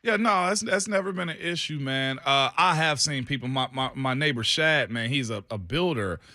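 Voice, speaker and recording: A man's voice: mid-range voice, normal speed, bright, forceful tone, slight background noise. A man with a Southern US accent co-hosting a talk show, chatting and storytelling in a folksy, colloquial, emphatic way. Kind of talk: casual banter and storytelling.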